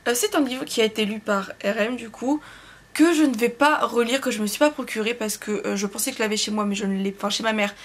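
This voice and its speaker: A young woman reviewing books in a casual vlog, rambling and hesitant, full of fillers and self-corrections, and quick to poke fun at herself. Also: fairly high pitch. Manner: self-deprecating, laughs at herself. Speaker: book vlogger.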